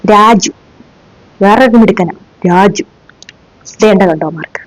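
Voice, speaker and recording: She's a sketch comedian whose mid-range voice, near an everyday one, keeps a measured pace. As a stern, sarcastic middle-aged schoolteacher she scolds the class with mocking rhetorical questions, captured in a dull, dry lo-fi recording.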